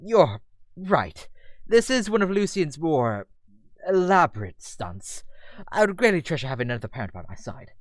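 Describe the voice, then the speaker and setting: A man voicing a formal, gentlemanly dad with a put-on British accent and old-fashioned, courtly phrasing. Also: on the high side, big pitch swings, moderate pace, no echo, voice pushed up. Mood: grateful.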